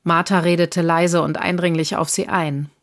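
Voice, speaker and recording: A woman reads a novel aloud in a calm, measured storytelling voice. Her pitch sits low for a woman, giving the narration a grounded feel. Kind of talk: audiobook narration.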